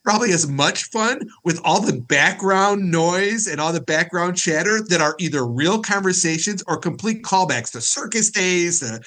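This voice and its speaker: A man's voice: sits high, expressive, moderate pace, hardly any pauses, bright, forceful tone. A man chatting as a guest on a podcast over a video call, jokey and self-mocking. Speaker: podcast guest, comic performer. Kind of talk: casual chat on a video call.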